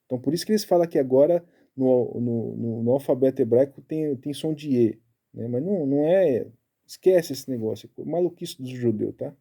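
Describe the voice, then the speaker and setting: A man giving a casual Bible study, explaining step by step and tagging his sentences with quick checks to the listener. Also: medium pitch, creaky, mellow. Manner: chatty, keeps tagging lines with "né?"; explaining Hebrew letters and pronunciation step by step.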